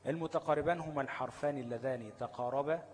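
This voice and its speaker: Man, Egyptian accent, recitation teacher, brisk delivery, mid-range voice, keeps checking understanding. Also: mid-range voice. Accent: Egyptian Arabic. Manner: quizzes listeners with fill-in questions and checks understanding. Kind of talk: explanatory lesson.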